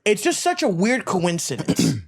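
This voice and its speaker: A man's voice: sits high, wildly swooping pitch, moderate pace, husky. A man from Florida hosting a podcast, ranting casually with lots of profanity and repetition. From Miami, United States. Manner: profane, emphatic, repeats himself. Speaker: podcast host.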